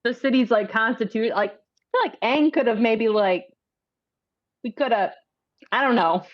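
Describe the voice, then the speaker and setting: A woman's voice: a little high, normal speed. A woman co-hosting a casual podcast chat, talking loosely and trailing off. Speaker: podcast co-host. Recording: slightly dull sound.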